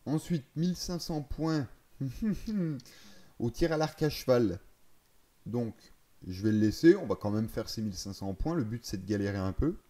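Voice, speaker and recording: A man's voice: mid-range voice, lively intonation, a little slow, dark tone. A man casually explaining a game's settings, thinking aloud, hesitating and correcting himself as he goes. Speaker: gaming video creator.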